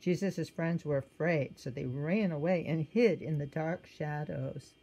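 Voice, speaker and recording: A woman reads aloud from a children's storybook, unhurried, her soft, lowish voice carrying a breathy edge. She tells it gently and expressively, pausing now and then to point out what the picture shows.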